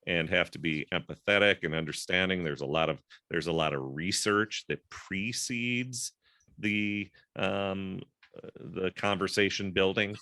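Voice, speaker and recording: A man's voice: low-pitched, unhurried, sharp tone, no room sound, studio quality. A man hosting a casual group discussion over a video call, rambling and thinking aloud with lots of fillers.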